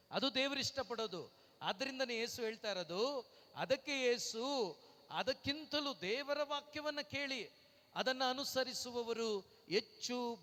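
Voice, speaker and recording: A man's voice: high-pitched, sharp tone. A man preaching a sermon, asking the congregation rhetorical questions and calling out hallelujahs between lines. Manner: breaks into slow sung lines. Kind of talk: Pentecostal-style sermon. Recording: long reverb in a hall.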